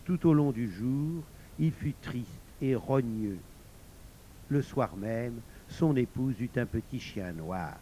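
A man narrating a folk tale in a measured, expressive storytelling voice. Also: mid-range voice, a little hiss or hum, low-quality recording.

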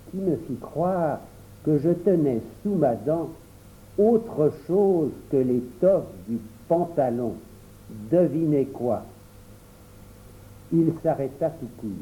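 Male audiobook narrator, unhurried, warm-dark tone, animated intonation. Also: a little high, poor audio. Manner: expressive storytelling. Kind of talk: audiobook reading of a children's story.

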